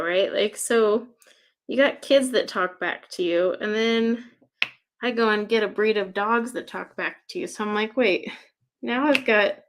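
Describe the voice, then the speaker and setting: A woman hosting a casual livestream, chatting loosely while she works on a craft, with lots of "like" and "um" and frequent laughter. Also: mid-range voice. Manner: chatty, rambling, laughs often; many fillers like "like" and "um". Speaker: livestream host.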